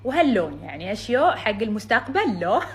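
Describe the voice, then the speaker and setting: Fast-talking woman with a Bahraini Gulf accent. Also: medium pitch. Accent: Bahraini Gulf Arabic. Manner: playful, joking, chatty. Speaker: social media vlogger. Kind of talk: casual chatty vlog.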